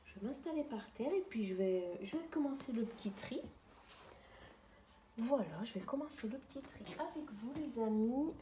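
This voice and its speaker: A woman's voice: on the high side, expressive, moderate pace, mellow, slight background noise. Chatty woman vlogging at home. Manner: chatty, friendly, addresses viewers as friends. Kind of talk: casual chat to camera. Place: at home, sitting on the floor. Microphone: camera on a tripod, mic on the far side.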